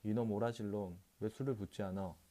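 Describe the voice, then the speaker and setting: A male narrator voices a drunken rickshaw puller who brags and swears at everyone around him. The voice sits low and dark, rough with cursing, and the whole thing stays a storybook reading. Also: fairly even intonation, a little fast, close to an everyday voice. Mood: angry shouting. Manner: blustering, cursing, shouting. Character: drunken boisterous middle-aged rickshaw puller.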